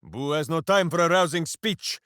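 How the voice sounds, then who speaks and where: This video game voice line comes from a man playing a warrior who is dim yet kind at heart and talks about himself in the third person. His voice sits on the high side, bright and forceful, with lively intonation at a moderate pace, and he sounds boisterous, theatrical, earnest and simple-hearted. The sound is dry and studio-clean.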